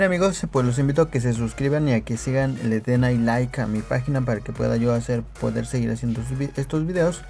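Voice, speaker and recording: Man, language teacher, video lesson, slow careful repetition, raspy low fry, soft music bed. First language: Nahuatl. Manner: patient, repeats phrases slowly for learners.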